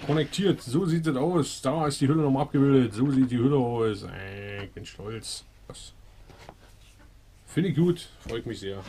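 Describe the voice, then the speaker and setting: A man's voice: medium pitch, warm tone, slight background noise. A man in his thirties chatting casually to the camera as a family vlogger, recorded on a handheld action camera. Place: small room at home, car, kitchen. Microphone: action camera at arm's length.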